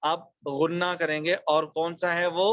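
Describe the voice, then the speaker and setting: Man, recitation teacher, high voice, quick explanations, slow drawn-out recited words, dry dull audio. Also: level tone, a bit bright, no echo. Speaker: Quran tajweed teacher. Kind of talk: online recitation lesson.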